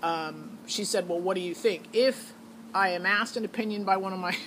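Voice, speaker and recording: Telling the story of her child's audition, this middle-aged woman is frank, relaxed and full of opinions. She speaks at a moderate pace in a mid-range, fairly bright voice, captured in a low-quality recording with clear background noise.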